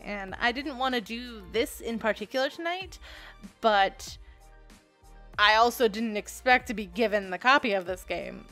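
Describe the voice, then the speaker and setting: A young video creator reviews software over a screen recording, rambling casually to viewers in a medium-pitched, slightly bright voice. She is informal, self-deprecating and giggly.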